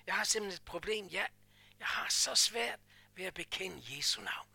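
A man preaching who voices a shy newly converted office worker in a quiet, hesitant tone. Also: high-pitched, lively intonation, gravelly, breathy edge, no echo, exaggerated voice. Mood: timid.

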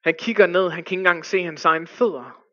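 A man telling a story as a sermon, with hushed dramatic pauses that rise to urgent cries. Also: high voice, dry recording, lo-fi sound.

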